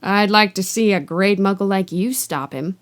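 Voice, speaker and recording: A huge, rough-mannered giant of a man who bursts out loudly when he is angry and drops low when he is anxious, as a woman puts him on while reading. He talks in a blunt, homely way. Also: normal speed, natural voice. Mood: gruff. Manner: blustering, loud outbursts. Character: big rough-voiced half-giant man, gruff and warm.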